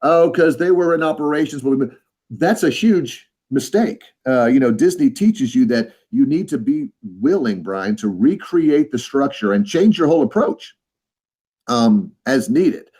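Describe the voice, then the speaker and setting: A man's voice: mid-range voice, sing-song, unhurried, warm tone, husky. A man co-hosting a podcast in casual, playful chat, often repeating phrases for emphasis. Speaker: podcast co-host.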